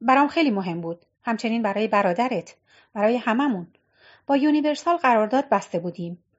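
A woman voicing a bitter young drummer. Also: on the high side. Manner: resentful, complaining. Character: bitter young man, former drummer, resentful. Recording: dull lo-fi recording.

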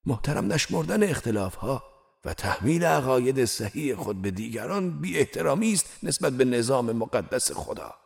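A man voicing a tall, thin wandering dervish who gently teaches a wounded man in a storybook reading. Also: a little high, gravelly, breathy edge, voice pushed up, exaggerated voice.

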